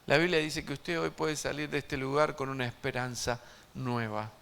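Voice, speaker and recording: A man preaching an evangelistic sermon to a congregation, emphatic and swinging between loud and hushed, asking his listeners direct questions. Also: mid-range voice, steady tone, normal speed, gravelly, clean tone. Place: church service before a congregation.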